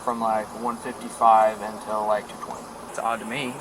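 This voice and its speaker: Calm police officer, distant and noisy. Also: male voice, on the low side, normal speed. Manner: calm, procedural questioning. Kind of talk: police interview.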